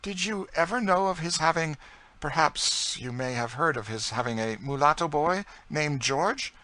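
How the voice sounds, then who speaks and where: Storybook French lady, voiced by a man, lifted high pitch, proud, emotional, eager questioning, precise. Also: expressive, moderate pace, a bit bright. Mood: probing, curious.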